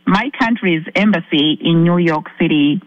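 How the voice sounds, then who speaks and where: A woman from Zambia calling in to a talk show, earnestly telling her story with halting restarts. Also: lowish voice, dry recording, dull audio. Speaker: caller. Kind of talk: recounting a personal ordeal on a call-in show.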